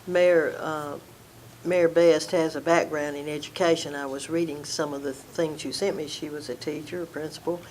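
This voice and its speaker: A woman interviewer asking calm, informative questions about her guest's background. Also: deep voice, moderate pace, a little hiss or hum.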